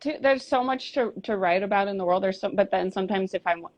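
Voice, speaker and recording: A woman talks fast at a medium pitch, chatting candidly as a guest in a casual interview. She's a singer and bassist in a band, and her rambling is peppered with fillers and restarts. The recording is dull and lo-fi.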